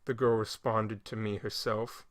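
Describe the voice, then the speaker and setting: A man reading a scripted first-person story in a measured, even way. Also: fairly low pitch. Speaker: narrator.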